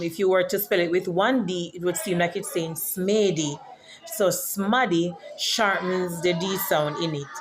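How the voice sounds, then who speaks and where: A woman's voice: fairly low pitch, a little hiss or hum. A woman from Jamaica with a Jamaican accent, a teacher and author talking casually to camera and explaining words like a lesson. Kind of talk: casual vlog.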